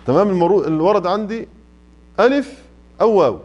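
A man with a high, slightly mellow voice teaches tajweed in a mosque classroom, sounding expressive and brisk on a muffled recording. He has an Egyptian Arabic accent, draws out his examples, and quizzes the students as their Quran recitation teacher.

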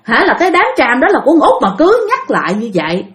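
Picture a grandmother's ghost speaking through an old woman, scolding and accusing with a lilt, voiced by a woman narrating the tale. The voice sits high and swings widely as it repeats its complaint. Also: wildly swooping pitch, fast. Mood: angry scolding.

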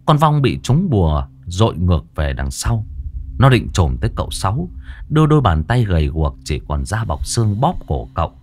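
Low-voiced man telling a ghost story. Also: moderate pace. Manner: dramatic, expressive.

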